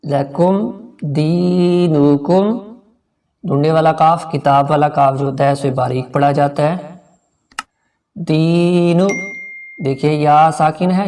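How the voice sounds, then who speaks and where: A man with a Pakistani Urdu accent teaching a tajweed lesson, explaining pronunciation rules plainly and then chanting verses slowly and drawn out. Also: fairly high pitch, a little mellow, distant mic. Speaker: Quran recitation teacher.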